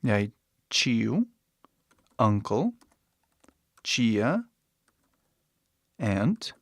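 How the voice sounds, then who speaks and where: A man in his forties, a native English speaker, giving an online language lesson with patient explanations, slowly repeating words and often checking in with short tag questions. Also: fairly low pitch, sing-song, dry recording. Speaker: English teacher.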